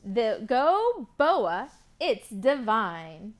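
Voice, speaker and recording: Very slowly and with big swings in pitch, a woman with a fairly high voice reads picture books to young children at a library storytime. Between the expressive reading and sing-along songs, she prompts them with encouraging questions.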